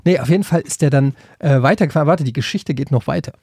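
A man's voice: on the high side, quick pace, warm tone, husky, no echo, studio quality. A man from Frankfurt, a podcast co-host, telling a story in casual chat. He rambles, restarts often and gets worked up as he goes. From Frankfurt, Germany. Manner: rambling, with many restarts and hesitations, getting worked up as the story builds.

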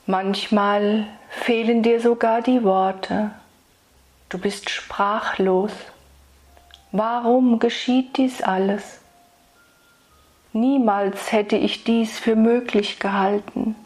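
A woman speaking as a spiritual meditation guide, soothing and intimate, addressing the listener solemnly and tenderly with long pauses. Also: medium pitch, steady tone, darkish tone. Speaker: spiritual meditation guide delivering channeled messages.

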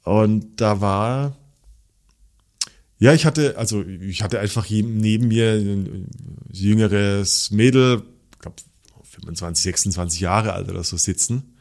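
Male podcast co-host, low voice, animated casual storyteller who swears easily. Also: unhurried.

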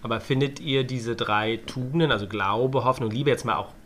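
A man's voice: mid-range voice, moderate pace, fairly bright tone. A man co-hosting a podcast, steering the chat with questions. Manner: inquisitive, steering the topic. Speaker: podcast co-host. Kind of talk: casual chat.

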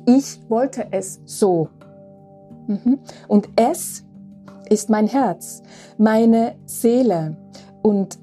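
A woman nearing sixty speaks in a slightly raised, very mellow voice. She talks unhurriedly through a reflective spiritual monologue, often pausing to ask "ja?", with faint guitar music behind her. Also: a little high. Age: 50s. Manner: slow, reflective, with frequent asking "ja?". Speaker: podcast host.

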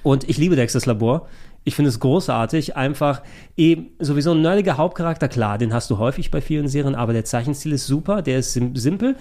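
A man's voice: medium pitch, lively intonation, fast, dark tone. A man chatting as podcast host, enthusiastic and rambling. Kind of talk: casual chat.

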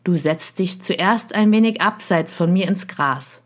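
A woman voicing a gentle, wistful male fox in a storybook reading, talking in an earnest, pleading manner. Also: lowish voice, measured pace.

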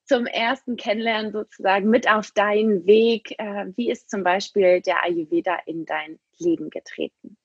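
A woman podcast host interviewing a guest, with a husky voice and a low-quality, dull recording. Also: fairly even intonation, moderate pace, few pauses, no room sound. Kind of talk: interview questioning. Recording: dull lo-fi podcast room microphone.

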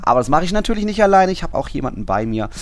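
On the high side and very animated, this man's voice races along very fast, with no echo. He hosts a football podcast, detailing results and ticking through statistics one by one.

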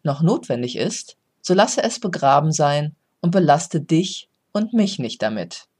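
A coach reading a parable, voicing a calm, wise old male philosopher who speaks slowly and gently instructs. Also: mid-range voice, breathy edge. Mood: calm, admonishing. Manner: slow, measured, gently instructive. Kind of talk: storytelling.

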